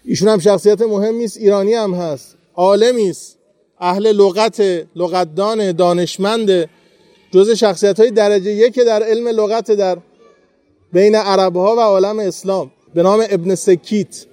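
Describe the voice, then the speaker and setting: A man with a high voice gives a devotional talk to pilgrims at a shrine. He tells his stories earnestly and from the heart, and the sound is close and dry, with little room echo. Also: fairly even intonation, warm tone. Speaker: pilgrimage preacher.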